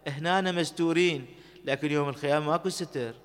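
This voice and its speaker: A man's voice: on the high side, quick pace. A man with an Iraqi Arabic accent preaching a sermon at a shrine, impassioned and pleading, with some lines chanted melodically. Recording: long reverb of a large hall.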